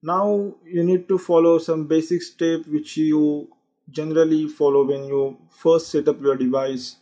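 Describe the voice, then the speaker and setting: A man's voice: a little high, fairly even intonation, unhurried, mellow. A man walking through a phone tutorial in a casual, explanatory way, with frequent fillers. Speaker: tech channel host. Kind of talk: tutorial walkthrough. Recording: dull lo-fi sound.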